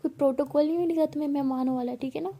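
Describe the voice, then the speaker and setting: A woman's voice: high-pitched, fairly even intonation, racing, warm tone, pitched above the performer's own voice. A woman voicing a playful, cheeky young college woman who jokes and teases back. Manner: playful, joking.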